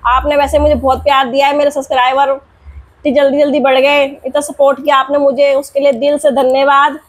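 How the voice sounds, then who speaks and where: A woman's voice: high voice, level tone, brisk. A young woman vlogger and mother telling a home story in a chatty, rambling way, repeating herself as she goes, then drawing a moral.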